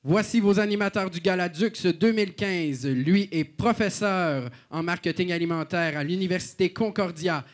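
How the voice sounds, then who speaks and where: Higher-pitched male gala announcer. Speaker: event announcer.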